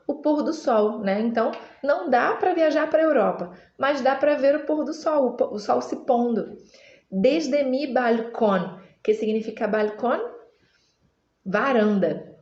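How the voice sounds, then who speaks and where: A woman whose first language is Portuguese, patiently explaining song lyrics in a Spanish lesson and repeating words slowly for practice. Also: on the high side, warm tone. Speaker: Spanish teacher. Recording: echoey room, slightly dull sound.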